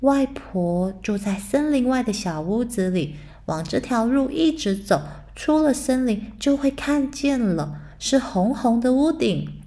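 Woman playing an innocent little girl, eager, childlike, high voice, unhurried. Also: expressive, dark tone. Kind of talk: bedtime storybook reading.

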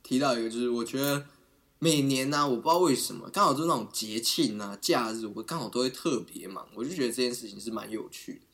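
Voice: medium pitch, fast talker, a bit bright. A podcast co-host, chatting casually in a playful, self-mocking way with frequent laughter. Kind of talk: casual chat.

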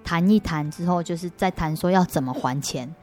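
Woman, Taiwanese Mandarin accent, lowish voice, earnest testimony, faint music underneath. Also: brisk, a little mellow. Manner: earnest storytelling with restarts. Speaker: interview guest. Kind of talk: personal faith testimony.

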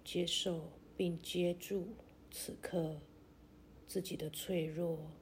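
Woman, sleep-story meditation narrator, very slow, soothing, even low-key intonation, long pauses. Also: a little hiss or hum. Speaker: guided meditation host.

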